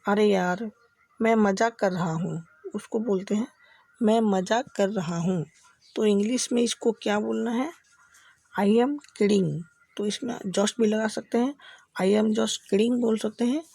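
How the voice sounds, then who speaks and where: A woman teaching an English speaking lesson, explaining in Hindi, saying each phrase slowly and repeating it several times. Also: mid-range voice, creaky, dark tone, husky, no room sound.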